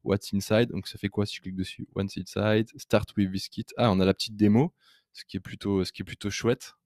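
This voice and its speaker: Male tutorial host, low register, dry sound; chatty, eager, hesitant delivery for a screencast demo. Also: level tone, fairly quick, darkish tone, no room sound. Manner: chatty and enthusiastic, hesitant with many fillers. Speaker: web design trainer. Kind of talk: casual screen-recorded software demo.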